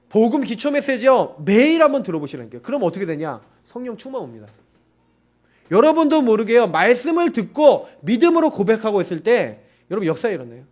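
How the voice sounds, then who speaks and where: A man pastor preaching a sermon in an emphatic, insistent way, urging his listeners again and again. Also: very high voice.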